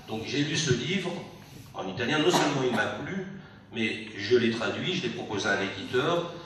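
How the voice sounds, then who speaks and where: A man speaks at a public book talk, recorded from across a very echoey hall. He talks haltingly, restarting phrases as he goes, with faint room noise underneath. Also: fairly low pitch, a bit bright, far from the mic. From France. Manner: hesitant, many restarts. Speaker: literary translator. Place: meeting hall.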